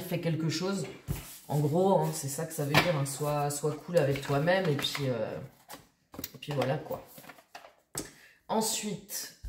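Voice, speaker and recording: Woman vlogger, low-ish voice, chatty and rambling; roomy echo. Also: noisy background. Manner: chatty, rambling, many fillers and restarts. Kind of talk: casual chat to camera.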